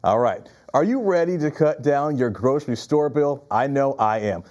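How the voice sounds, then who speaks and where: A man's voice: mid-range voice, expressive, moderate pace, darkish tone, muffled recording. A man with an American accent reading scripted news as an anchor.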